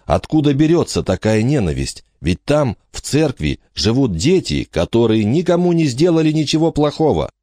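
A man's voice: mid-range voice, big pitch swings, normal speed, hardly any pauses, dark tone, no room sound, clean studio sound, voice pushed up, close to an everyday voice. A male narrator voicing a determined, protective teenage girl who speaks in urgent, pleading outbursts. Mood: indignant.

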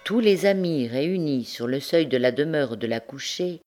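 A woman narrating a classic novel as a volunteer audiobook reader, with expressive storytelling. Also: sits low, normal speed, faint music behind.

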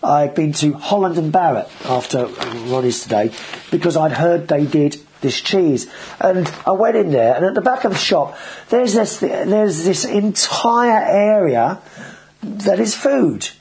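A man's voice: on the high side, lively intonation, unhurried, a little mellow, a little hiss or hum, rough recording. A man hosting a casual video show, talking in a chatty, rambling way with frequent restarts. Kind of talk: casual vlog monologue.

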